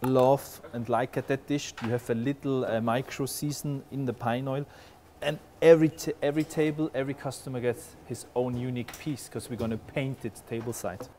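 Medium-pitched and moderately paced with few pauses, a man working as head chef walks through a dish as he cooks in a big restaurant kitchen. His delivery is laid-back and explanatory, heavy on "uh." Slight background noise comes through his lapel microphone.

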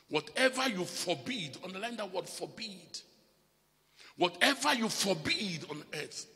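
A man preaching a live church sermon as bishop, swinging between loud emphatic calls and quiet asides. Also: fairly high pitch, gravelly, big-room sound.

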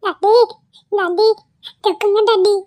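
A woman's voice: very high-pitched, fairly even intonation, slow pace, darkish tone, soft background music. A woman voicing a small boy who tearfully pleads for his daddy in a cartoon. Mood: tearful pleading. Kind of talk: cartoon voice acting.

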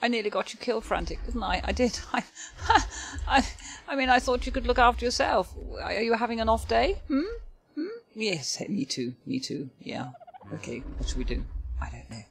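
Older woman, chatty let's-play commentary, lively pitch, slight gravel. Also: normal speed, slight background noise. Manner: chatty, talks to her pets, frequent sighs and exclamations. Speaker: gaming video host. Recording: game music playing behind.

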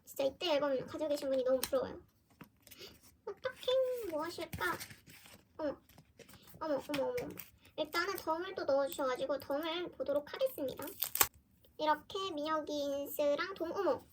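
Casual fan vlogger, woman, high and light voice, gushing unboxing chat with a faint hiss behind. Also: brisk. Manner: gushing, often exclaiming softly.

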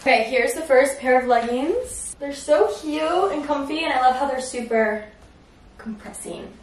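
A woman's voice: sits high, moderate pace. A young woman in her twenties vlogging casually in an upbeat, chatty way, often saying "like" and "so cute". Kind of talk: casual vlog narration. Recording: handheld phone vlog with steady background noise.

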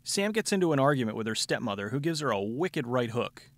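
A man's voice: mid-range voice, sing-song, a little fast, no room sound. A man giving a sardonic, scripted comedic movie recap as a show host, with dry wit. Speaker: film review show host. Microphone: close studio voice-over mic.

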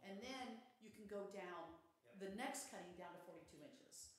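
A woman's voice: medium pitch, moderate pace. A middle-aged woman giving earnest public comment at a city council meeting from a podium microphone. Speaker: resident speaking at public comment. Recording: echoey council chamber with faint hiss.

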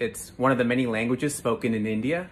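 A woman's voice: extremely low pitch, very fast. A woman in her thirties, an actor at an audition, answering with patient dry humor in a comedy sketch. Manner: wry, patient, drily funny.

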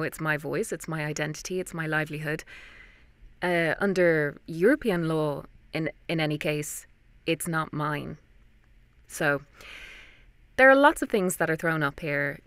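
Recorded close and dry in a small padded booth, a young voice actor from Ireland shares her story in a relaxed interview. Her voice sits low with a fairly bright tone, and there's no room sound at all.

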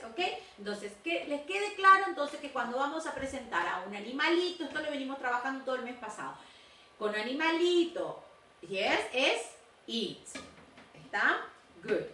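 Sex: woman. Role: English teacher going over homework. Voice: bright, with an unhurried pace. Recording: echoey room, mic held back. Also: high-pitched, a little hiss or hum. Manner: stretches out English words slowly and switches to quick explanations. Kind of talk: recorded video lesson correcting homework. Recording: roomy sound from a distance.

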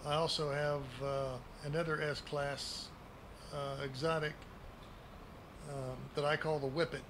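A man's voice: on the high side, level tone, a little slow. A grandpa-like man in his sixties giving a casual, unscripted game tour in a folksy, plain-spoken way at a desk microphone. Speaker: gaming video creator giving a base tour. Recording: clearly noisy home recording.

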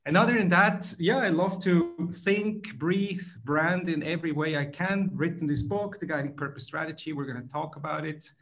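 A middle-aged Swiss guest author with a Swiss accent answers interview questions thoughtfully over a video call from a plain indoor room, frequently restarting his phrases. His voice is fairly high, his pace moderate with hardly any pauses, and the audio is lo-fi.

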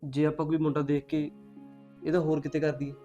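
A young man as a bossy elder brother who talks fast in a high voice. He argues insistently and is quick to anger. Soft music sits under the scene. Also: completely flat delivery, lo-fi sound, close to an everyday voice. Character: bossy, hot-tempered village elder brother.

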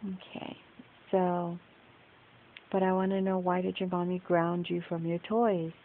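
A woman's voice: lowish voice, flat delivery, a little slow. A woman on a home phone video firmly and patiently questioning a child. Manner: firm, patient, repeatedly questioning. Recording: tinny lo-fi phone recording with hiss.

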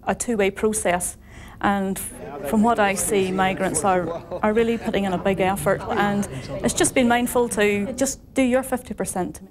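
A woman giving measured, earnest views on communication in an interview. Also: mid-range voice, steady tone, crowd noise. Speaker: commentator on migrant communication.

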